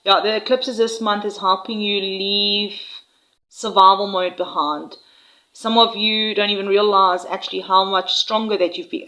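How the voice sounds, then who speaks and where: A woman giving an intuitive tarot reading to viewers, speaking in an unhurried, reassuring way with frequent "all right?" check-ins. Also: medium pitch, sharp tone, rough recording. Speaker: tarot reader.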